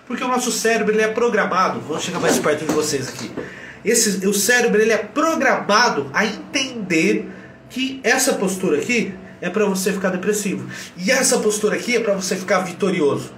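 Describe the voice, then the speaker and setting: A man with a Brazilian Portuguese accent, a doctor teaching a live lesson on depression with energetic, direct and blunt coaching. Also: high-pitched, slight background noise. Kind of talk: live motivational lesson to viewers. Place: warm room with an air cooler running. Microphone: camera set back from him. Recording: roomy echo, voice from a distance.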